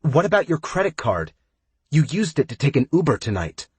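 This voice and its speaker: A man's voice: a little high, sing-song, normal speed, husky, dry recording, pitched above the performer's own voice, heavily acted. A man voicing a tired young working woman who answers tersely and with frustration. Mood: annoyed.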